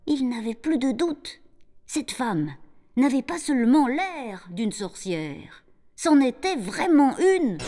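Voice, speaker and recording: A woman narrating a children's storybook in an animated, expressive way, dropping at times into a hushed whisper. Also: medium pitch.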